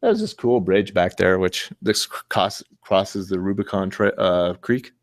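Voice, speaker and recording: A man's voice: deep voice, measured pace, no room sound. A man giving a casual, rambling talk with slides, easygoing and chuckling often. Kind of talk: casual storytelling presentation with slides.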